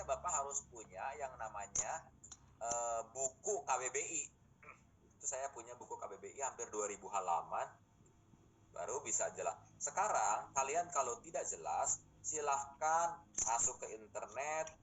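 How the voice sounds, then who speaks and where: A middle-aged man teaches in a classroom, his voice at an ordinary pitch for a man. He explains step by step, stops often to ask the class rhetorical questions, and a faint room hiss sits behind him. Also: fairly bright tone, low-quality recording. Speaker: lecturer. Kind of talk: classroom lecture.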